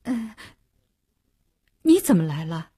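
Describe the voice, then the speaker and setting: A woman's voice: fairly low pitch, very animated, slow pace, mellow, breathy edge, no room sound, clean studio sound, full character voice. A woman voicing a tired young woman who keeps her anger in check. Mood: subdued. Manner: weary, holding back anger.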